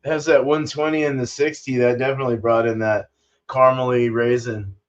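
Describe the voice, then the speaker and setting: A man's voice: medium pitch, fairly even intonation, brisk, muffled recording. A man chatting casually about beers with easygoing, offhand remarks. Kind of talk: casual chat.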